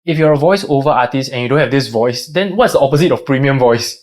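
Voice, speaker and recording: A man hosting a podcast, asking questions in a quick, casual, slangy way. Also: medium pitch, noisy background. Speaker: podcast host.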